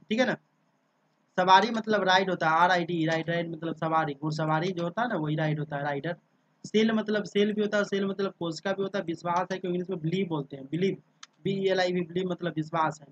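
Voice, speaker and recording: A man with a high voice teaches English vocabulary in a casual spoken lesson, drilling each word by spelling it out letter by letter and often checking in with listeners. The recording sounds dull, dry, and lo-fi.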